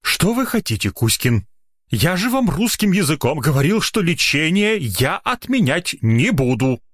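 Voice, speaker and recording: In a narrated story, a man voices an officious doctor who is indignant, blustering, and self-justifying, quick to get flustered and outraged. He uses a slightly high, very animated voice pitched above his own, at a measured pace, in a clean studio recording with no room sound.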